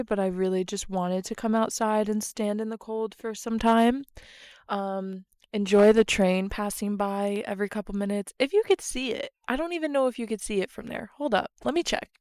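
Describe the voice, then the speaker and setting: A woman's voice: medium pitch, clean tone, no echo, studio quality. A young woman hosting her podcast, chatting casually and laughing at herself while standing outside in the cold. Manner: chatty and self-mocking, laughs between phrases. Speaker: podcast host. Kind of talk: casual solo chat outdoors. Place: outdoors in the cold by a train line. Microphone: camera close up.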